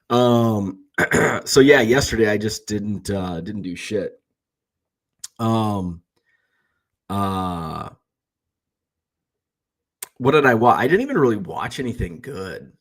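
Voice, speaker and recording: A middle-aged baseball card seller and live streamer speaks slowly in a lowish, husky voice that is fairly bright, with lively intonation and long pauses. Sick with a cold that makes him sound slightly rough, he rambles chattily through a casual vlog, correcting himself as he goes.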